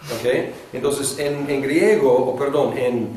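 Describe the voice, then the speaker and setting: A male teacher lectures a class at a slow, unhurried pace, pausing on fillers as he thinks aloud. His voice sits at an ordinary middle pitch. He is recorded from a distance in a strongly echoing classroom with faint background noise. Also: dark tone. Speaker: Greek teacher. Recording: echoey classroom from a distant mic.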